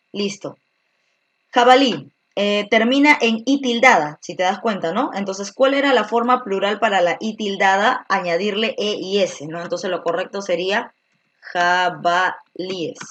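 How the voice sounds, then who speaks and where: A woman's voice: medium pitch, animated, moderate pace, a bit bright, a little hiss or hum. A woman teaching an online grammar class, explaining step by step and checking in with frequent tag questions. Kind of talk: virtual grammar lesson.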